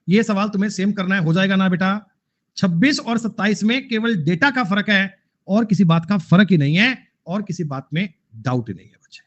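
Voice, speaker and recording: A man's voice: high-pitched, muffled recording. A man teaching an online math class, repeating points and scolding students in a teasing way. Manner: scolding, repetitive, addresses students as beta.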